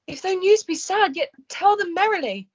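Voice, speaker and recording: A woman's voice: very high voice, animated, highs cut off. A young woman playing an eager, impatient girl who presses for news in Shakespearean verse. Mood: coaxing. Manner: pressing, rapid questioning. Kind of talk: Shakespearean stage acting.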